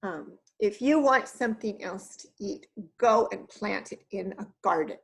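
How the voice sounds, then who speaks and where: A bossy giant's wife from a storybook who scolds and orders everyone about, read by a woman. The voice is gravelly and unhurried. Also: medium pitch. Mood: stern.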